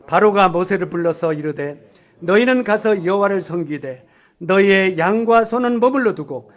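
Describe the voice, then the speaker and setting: Lively high-voiced male lay preacher. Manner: emphatic, with sudden loud and soft swings. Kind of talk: sermon.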